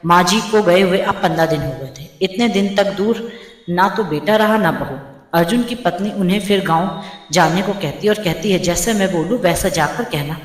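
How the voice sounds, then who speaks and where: Lady telling a story, steady narration, long ringing reverb. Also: on the low side, moderate pace. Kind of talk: scripted narration.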